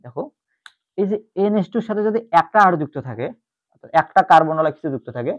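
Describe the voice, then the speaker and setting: A man's voice: fairly high pitch, animated, fast. A man teaching chemistry in an online lecture, explaining step by step and repeating the key terms. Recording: tinny phone-like audio.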